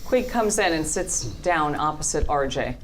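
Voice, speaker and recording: At a script read-through, a low-voiced woman reads the stage directions as scripted narration. She is expressive and unhurried, with faint room noise in the background.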